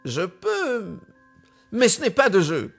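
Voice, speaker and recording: Storybook role: a spiteful old witch, high and shrieking, with wild swoops, as a male reader puts her on. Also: huge pitch swings, slow pace, creaky, soft background music, exaggerated voice. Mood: indignant. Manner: screeching, raging. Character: wicked old female witch, spiteful and shrill.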